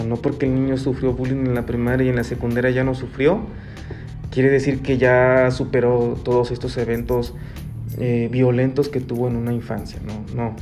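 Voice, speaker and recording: A man, explaining earnestly to parents as a guest expert, pausing and restarting often. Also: medium pitch, a little mellow. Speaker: guest expert on child bullying. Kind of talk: radio-style talk, advising parents.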